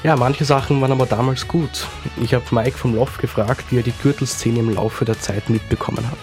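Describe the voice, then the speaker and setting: A man co-hosting a radio city magazine, speaking in an even, measured way. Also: mid-range voice, music in the background. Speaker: radio magazine co-host and reporter. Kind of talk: radio hosting, partly scripted.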